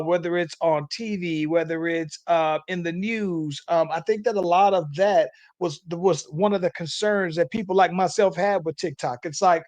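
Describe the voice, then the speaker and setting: High-voiced man hosting a chatty podcast. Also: dry recording. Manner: rambling, tags sentences with "though, man". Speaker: podcast host. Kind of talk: casual podcast chat.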